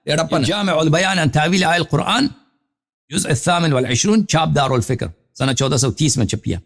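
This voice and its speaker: A man hosting a live call-in show, reading Arabic citations and explaining them at length, with questions for the caller. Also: fairly high pitch. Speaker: Shia cleric host of a live call-in show. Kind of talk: scholarly lecture reading Arabic sources.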